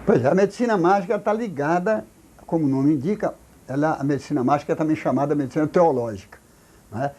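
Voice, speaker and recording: An older man from Brazil with a Brazilian Portuguese accent, a folklorist explaining things slowly in an interview, halting with many repeated words and restarts. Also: fairly high pitch, mellow. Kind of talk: recorded oral history interview.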